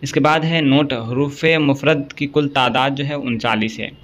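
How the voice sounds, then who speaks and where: A male teacher works through an exam-prep grammar lesson at a middling pitch. He reads out lists one item at a time, steady and methodical, and often pauses to check in with his viewers. A faint hiss sits under his voice. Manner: recites lists steadily, checks in with frequent "okay".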